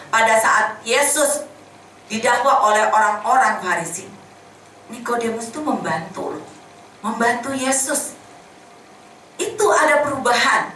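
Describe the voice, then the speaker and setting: A woman's voice: fairly high pitch, pushed and bright, a little hiss or hum. A woman giving a conversational sermon, asking the congregation questions and acting out little scenes. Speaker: preacher. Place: church hall. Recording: echoey hall, voice from a distance.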